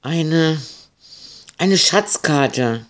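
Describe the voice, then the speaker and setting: A man's voice: fairly high pitch, lively intonation, drawn-out words, voice pushed up. A man voicing a frightened male ship captain who pleads and stammers. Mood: nervous.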